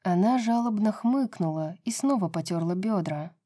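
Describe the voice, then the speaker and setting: A woman narrating a romance novel as an audiobook, in an even reading voice. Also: mid-range voice, moderate pace.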